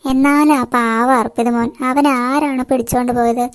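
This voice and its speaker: ഒരു സ്ത്രീ കാർട്ടൂണിൽ മലബാർ മലയാളം ശൈലിയുള്ള, കരുതലുള്ള ഒരു സ്കൂൾ ടീച്ചർക്ക് ശബ്ദം നൽകുന്നു; ടീച്ചറുടെ സംസാരം ആശങ്കയും ആത്മാർത്ഥതയും നിറഞ്ഞതാണ്. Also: female voice, a little high, steady tone, normal speed, lightly acted. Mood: worried. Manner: worried, earnest. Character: caring female schoolteacher, worried.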